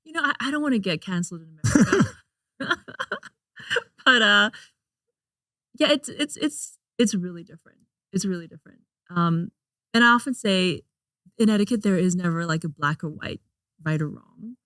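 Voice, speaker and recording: A woman's voice: medium pitch, lively intonation, normal speed, long pauses, sharp tone, no room sound, studio quality. A woman from Hong Kong, a guest in a casual interview, chatty, laughing often and talking with many fillers and restarts.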